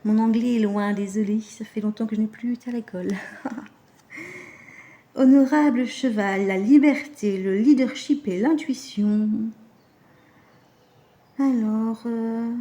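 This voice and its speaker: Woman, casual card reader, mellow voice, echoey room, hesitant and chatty. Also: on the high side, slow, pauses often. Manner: chatty, hesitant, many fillers and self-corrections. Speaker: animal communication card reader. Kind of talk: casual card-reading guidance.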